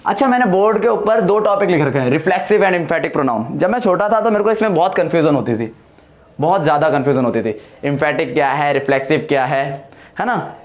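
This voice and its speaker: A man teaching an English grammar lesson at a whiteboard, explaining slowly, repeating points and asking the class questions. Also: high-pitched, sing-song.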